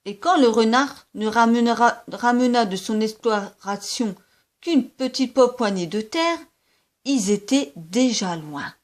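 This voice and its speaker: A woman reading a children's story aloud in a gentle, lively storytelling manner. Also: a little high, slow.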